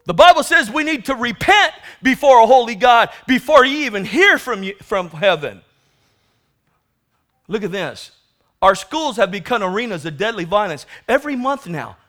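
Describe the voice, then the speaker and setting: Delivering a fiery call to repentance, an American-accented preacher speaks in a voice that sits high, with a bright, forceful tone. He admonishes urgently and prophetically, pushing his listeners with rhetorical questions and demands for amens.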